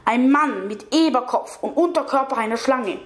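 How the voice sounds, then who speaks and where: A woman's voice: sits high, animated, moderate pace, a little hiss or hum. Woman reading a fantasy story aloud. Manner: small slips and self-corrections. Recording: echoey room.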